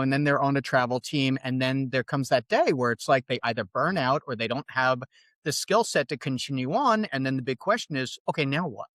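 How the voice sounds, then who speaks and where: A New York man with a New York accent appears as a guest on a podcast, discussing coaching in a casual conversational interview. He's thoughtful and animated, restarting his sentences often. His voice is on the high side, and the studio-quality recording has no echo.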